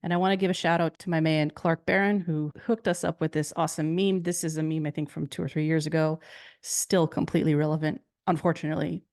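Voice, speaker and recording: A woman giving a conference keynote on marketing, telling a story in an animated way with rhetorical questions. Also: low voice, fast, no room sound, clean studio sound. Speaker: marketing speaker.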